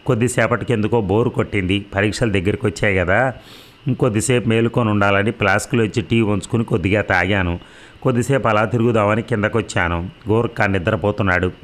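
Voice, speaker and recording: A man's voice: fairly low pitch, fast talker, natural voice. A man voicing a timid young female student who speaks in a trembling, timid way in an audio story. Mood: timid pleading.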